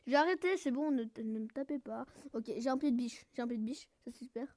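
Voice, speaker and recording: A woman giving casual, jokey gameplay commentary who keeps bursting into loud shouts and cries. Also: on the high side, quick pace, dry recording. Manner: jokey, self-mocking. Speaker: gaming video creator.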